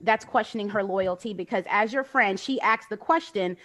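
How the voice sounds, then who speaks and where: A woman on a casual group call, calmly explaining another person's side in a measured way. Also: medium pitch.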